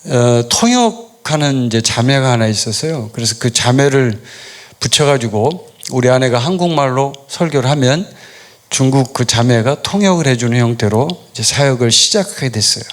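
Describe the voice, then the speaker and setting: A middle-aged man, a pastor, preaching a sermon in a relaxed storytelling way, asking questions and answering them himself. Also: mid-range voice, moderate pace. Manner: storytelling, conversational, asks and answers his own questions. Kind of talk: sermon with personal stories.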